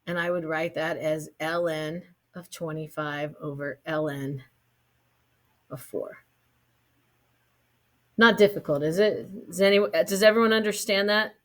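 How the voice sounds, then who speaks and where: Woman math teacher, casual lecture, fairly low voice, unhurried pace, checks in with the class. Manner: casual, keeps checking in with "right?"; light joking asides to students.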